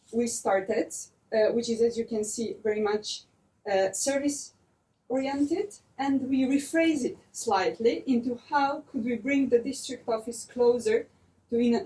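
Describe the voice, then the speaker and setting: A woman's voice: a little high, dark tone. Woman presenting from afar. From Serbia. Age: young adult. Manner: measured, with frequent uh fillers. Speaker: master's student presenter. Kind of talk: project presentation. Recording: distant room mic, faint ambience.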